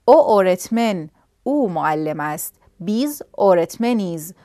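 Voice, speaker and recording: A woman's voice: lowish voice, very animated, warm tone, no echo, studio quality. Woman teaching grammar step by step. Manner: explains step by step, asks and answers her own questions. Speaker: language teacher. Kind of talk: grammar lesson.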